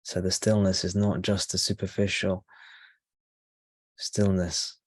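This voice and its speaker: A man leads a guided meditation as a spiritual teacher, speaking slowly in measured short phrases separated by pauses. His voice is deep and flat with a breathy edge, and the recording is dry.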